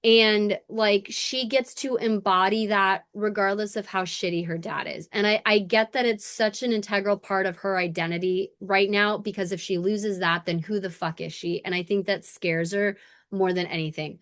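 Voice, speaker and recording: A woman's voice: mid-range voice, steady tone, normal speed, a bit bright, no echo, clean studio sound. A woman co-hosting a podcast, chatting casually and animatedly about a TV episode, swearing freely and acting out the scenes. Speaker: podcast co-host. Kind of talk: casual recap chat.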